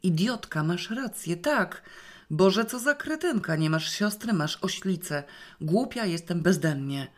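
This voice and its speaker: A woman reading an audiobook, voicing the narrator's blunt, excitable young sister. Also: on the low side, unhurried. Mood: self-scolding. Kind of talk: audiobook character voice.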